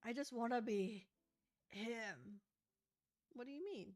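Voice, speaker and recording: A woman's voice: on the high side, slow pace, a little mellow. A young woman chatting casually and playfully while she crafts in her journal, joking and giggling as she talks to viewers. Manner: playful, giggly, sings snatches of songs.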